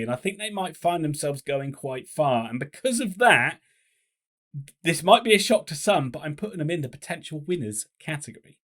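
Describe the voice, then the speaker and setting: A man who hosts a football vlog, ranking teams in a playful, self-mocking way with sudden loud bursts. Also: on the high side. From England. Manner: playful and self-mocking, with quick swings in loudness. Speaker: football fan vlogger.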